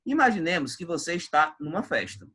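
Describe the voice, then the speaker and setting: A man's voice: fairly high pitch, big pitch swings, brisk, sharp tone, a little hiss or hum. A male Portuguese teacher, giving an emphatic, chatty exam-prep video lesson.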